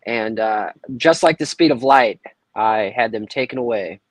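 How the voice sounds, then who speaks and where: A man calling into a livestream tells a story in casual chat, animatedly acting out the people he quotes in a raised voice. His voice is fairly low and moderately paced. The headset audio is dry, close and of poor quality.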